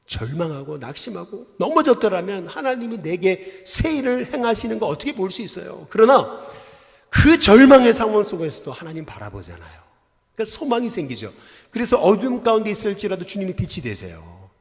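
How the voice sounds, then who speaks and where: A man's voice: high-pitched, sing-song, fairly quick, vocal fry. A man, a senior pastor, preaching a sermon in a church and asking his congregation questions. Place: church sanctuary. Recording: long church hall reverb.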